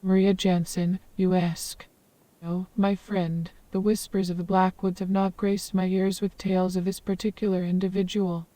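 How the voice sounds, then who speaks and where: A woman's voice: on the low side, flat delivery, moderate pace, warm tone, no room sound, recorded from a distance, lightly acted. A synthetic woman's voice playing a wise old hermit woman of the forest who speaks in long, ornate, formal sentences. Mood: calm, flowery.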